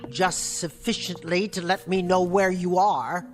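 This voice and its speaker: Acting in a 1960s TV drama, a woman plays a weary, resentful middle-aged niece and housekeeper who answers her uncle with clipped, sarcastic retorts. Her natural, lowish voice stays steady at a measured pace over music, and the mood is tart and weary.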